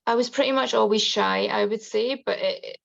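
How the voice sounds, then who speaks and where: Creaky-voiced Highland Scottish woman. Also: normal speed, lo-fi sound. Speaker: podcast guest, confidence coach. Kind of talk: casual interview, personal storytelling.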